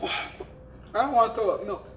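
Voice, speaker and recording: A man's voice: high-pitched, lively intonation, a little fast, lo-fi sound. A man hosting a casual chat with his mouth burning from spicy food, apt to cough and chuckle. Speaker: host. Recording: echoey room, distant mic, faint noise.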